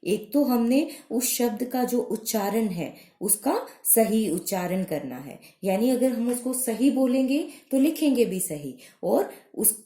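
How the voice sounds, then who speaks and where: A woman teacher gives a grammar lesson to young children. She talks slowly and patiently, repeating words so they stick, in a mellow, soft tone. The recording carries a clear echo from the room. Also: fairly high pitch. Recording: echoey room.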